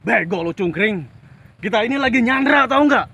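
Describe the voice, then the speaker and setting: Man playing a bullying thug, Sundanese accent, very high bright voice, outdoor noise. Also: expressive, moderate pace, creaky, breathy edge, full character voice. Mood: menacing. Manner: shouting, barking orders. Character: bossy bullying male thug gang member. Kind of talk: comedy short film acting.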